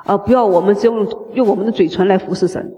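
A man's voice: high voice, fast, mellow. A man serving as a sermon interpreter, rendering the message phrase by phrase. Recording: reverberant hall.

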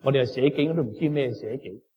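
A man preaching emphatically in short phrases, leaving pauses for an interpreter. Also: medium pitch. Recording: echoey hall, dull muffled sound.

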